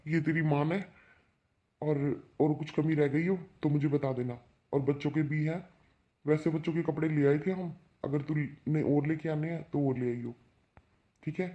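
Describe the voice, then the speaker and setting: A man's voice: a little high, dark tone, muffled recording, close to an everyday voice. A man voicing a young adult son and brother in a cartoon, reproachful toward his mother and reassuring to his sister. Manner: reproachful, advising.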